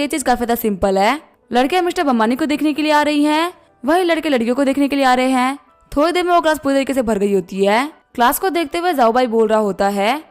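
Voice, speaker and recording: A woman narrating a story recap, reading every character's lines in her plain voice. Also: high-pitched. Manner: reads all dialogue in her plain voice. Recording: faint background music.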